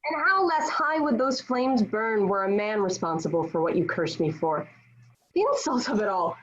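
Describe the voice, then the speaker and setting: During a dramatic table read, a woman plays a young, devout Joan of Arc, declaiming formal period lines with defiance and scorn. Her mid-range voice has lively intonation and a moderate pace, lightly acted, over dull lo-fi virtual-meeting audio.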